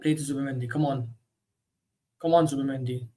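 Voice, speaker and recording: A man hosting a football watchalong, giving live commentary that swings between low muttering and sudden excited shouts. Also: brisk. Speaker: host of a football watchalong stream. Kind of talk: live match commentary and reaction.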